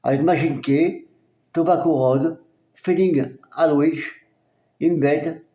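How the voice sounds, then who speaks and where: A man from France casually presenting his record collection, halting and hesitant, with many fillers. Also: fairly high pitch, fairly even intonation, reverberant, lo-fi sound. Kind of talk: casual collection show-and-tell.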